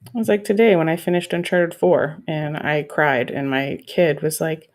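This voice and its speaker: A woman's voice: deep voice, fairly even intonation, normal speed. A woman in her thirties co-hosting a podcast, frank and chatty, laughing often. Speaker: podcast co-host. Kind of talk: casual chat.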